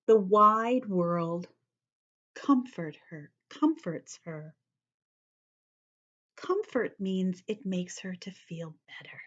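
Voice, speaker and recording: In a mid-range, slightly bright voice, she reads a picture book to little children very slowly and animatedly, pausing often. She explains words and occasionally lowers to a whisper, recorded in lo-fi sound.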